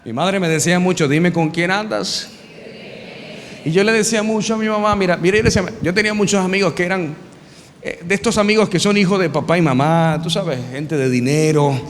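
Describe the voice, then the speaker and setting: A man pastor preaching with humor, telling stories in an animated way and sometimes shouting. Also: high voice, fast talker. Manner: animated storytelling, bursts of shouting. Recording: reverberant hall, faint noise.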